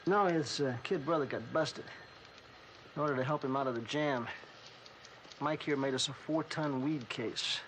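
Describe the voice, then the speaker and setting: An actor playing a brisk, wry police detective in a casual, clipped 1970s TV crime drama style. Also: male voice, mid-range voice, natural voice. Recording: noisy old TV soundtrack.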